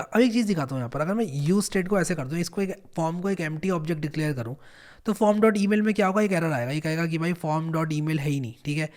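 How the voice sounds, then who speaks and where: A young man teaching programming in a casual, encouraging screen-recorded tutorial, repeating points and coaxing the viewer along. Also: a little high.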